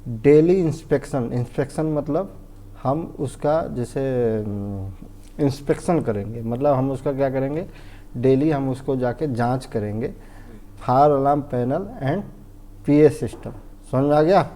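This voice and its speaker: A man with an Indian accent, his voice mid-range, unhurried and dark in tone, gives an informal technical lesson as a fire safety instructor. He goes step by step, repeats himself, and keeps checking that he's understood, often posing questions to himself in a didactic way.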